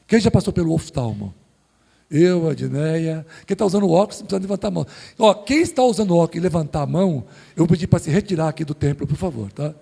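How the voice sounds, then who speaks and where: A man's voice: a little high, animated, quick pace, creaky, dark tone, husky, big-room sound. A man with a São Paulo accent, pastor preaching a sermon in a church, joking with the congregation and acting out little dialogues. Recorded from a live stream. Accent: Brazilian Portuguese, São Paulo. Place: church sanctuary.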